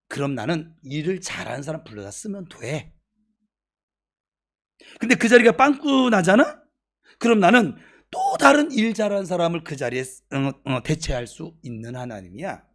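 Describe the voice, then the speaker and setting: A woman pastor voicing God, speaking slowly and earnestly in a hushed, lowered voice during a sermon. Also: heavily acted. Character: God speaking tenderly to a beloved person.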